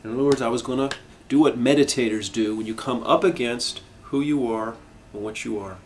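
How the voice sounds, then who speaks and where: A middle-aged man teaching a harmonica lesson, explaining in a calm, reflective way with frequent restarts. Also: medium pitch, brisk, a little hiss or hum. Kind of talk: instructional video lesson.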